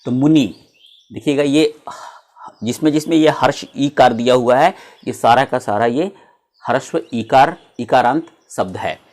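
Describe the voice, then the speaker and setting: A male teacher walks through Sanskrit grammar in a video lesson. He recites word forms slowly and often pauses to check that the viewer is following. His voice sits at an ordinary mid pitch. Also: darkish tone. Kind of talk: classroom-style video lesson.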